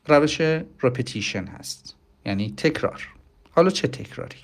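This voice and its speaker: A man teaching English pronunciation in a casual spoken lesson, explaining step by step and asking his listeners rhetorical questions. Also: medium pitch. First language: Persian.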